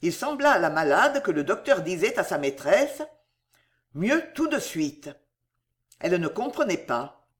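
Lively, dramatic storybook reader. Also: medium pitch, moderate pace. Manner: dramatic, emotive reading. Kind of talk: expressive audiobook narration.

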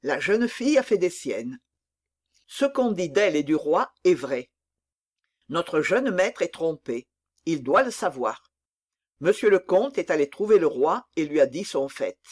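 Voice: mid-range voice, big pitch swings, measured pace, a little mellow. A reader voicing a loyal middle-aged male manservant, worried and devoted, who answers in short, clipped replies in an audiobook. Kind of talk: audiobook character reading.

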